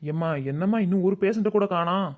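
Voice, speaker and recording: A man's voice: high voice, fast, phone-quality sound, lightly acted. A man voicing a kindly, hapless village doctor in a cartoon comedy, patient and fatherly, with a Madurai Tamil accent. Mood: puzzled.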